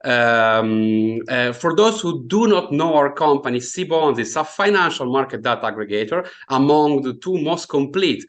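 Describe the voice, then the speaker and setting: Hosting a finance webinar by video call from home, this Italian man in his thirties speaks with an Italian accent in a mid-range, animated voice. He keeps a moderate pace with few pauses, yet fills his speech with hesitations and fillers.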